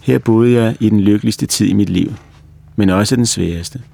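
A man reading the lines of a serious little girl who remembers a former life, speaking calmly and with self-assurance. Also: on the low side, vocal fry. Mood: earnest. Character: earnest little girl recalling a past life.

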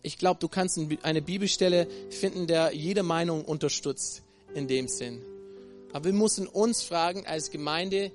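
Man, American accent, sermon, higher pitch, halting with fillers, faint instrumental music behind. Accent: American English. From Texas, USA. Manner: halting, many fillers and restarts, frequent "ne?" tag questions. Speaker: preacher.

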